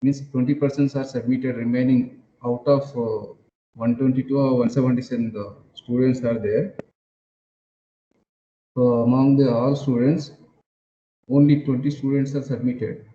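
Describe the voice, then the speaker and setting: A man teaches an engineering class over an online call, heard through a screen recording. His voice is dark and mellow, and his phrasing stops and restarts with repeated words and fillers. The sound is dull, lo-fi and roomy, with faint noise behind. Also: medium pitch, steady tone, moderate pace. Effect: screen-recorded online class audio. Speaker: engineering lecturer.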